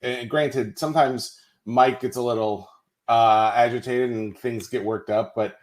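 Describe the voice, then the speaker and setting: A man's voice: mid-range voice, a little slow. A man from Tennessee, a podcast guest telling a story in casual chat, loose and full of asides. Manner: relaxed storyteller, many fillers and asides.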